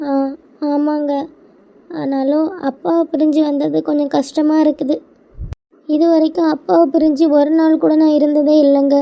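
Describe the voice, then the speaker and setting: Brief: woman as a high, mellow-toned Kanyakumari bride in a cartoon, soft and flat. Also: moderate pace, creaky. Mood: wistful. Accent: Kanyakumari Tamil. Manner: soft, sentimental. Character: young bride, tender daughter, shy.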